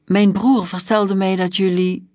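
A storyteller voicing a gruff, scornful young male gendarme who accuses and snaps at children. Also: mid-range voice, flat delivery, measured pace, a little mellow, no room sound, studio quality, pitched above the performer's own voice, close to an everyday voice. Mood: growling. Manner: accusing, snapping and growling.

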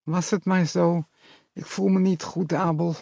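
A lisping mother who has woken up as a doe, put on by a male narrator in a read-aloud story. The voice rides well above his own, with a gravelly grain and a strange, slurred lisp. The recording is dry and close. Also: high-pitched, little pitch movement, a little slow, darkish tone, dry recording, voice pushed up, exaggerated voice. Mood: dazed.

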